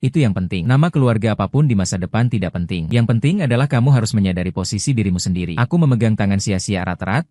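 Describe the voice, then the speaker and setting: A man narrating a first-person family drama story, reading every character's lines in an even read-aloud delivery. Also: fairly low pitch, rapid-fire, hardly any pauses, dry recording, studio quality.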